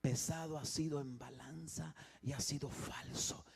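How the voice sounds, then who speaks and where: A man preaching a sermon as pastor in a church, swinging from hushed, quiet passages to loud emphatic ones and often repeating and restarting his phrases. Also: a little high, fairly even intonation, a little slow, gravelly, slightly rough.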